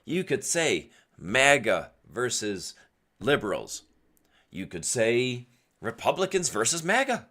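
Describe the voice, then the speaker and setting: Emphatic and opinionated, a solo podcast host casually fires rhetorical questions at himself. He's losing his voice, which is strained and partly gone from yelling, and his medium-pitched delivery is slow, with wildly swooping pitch.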